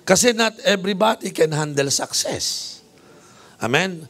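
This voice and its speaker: A man's voice: high-pitched, expressive, a little slow, a bit bright. A male bishop preaching a sermon, telling stories with humor and mixing English phrases into his talk. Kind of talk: sermon with storytelling.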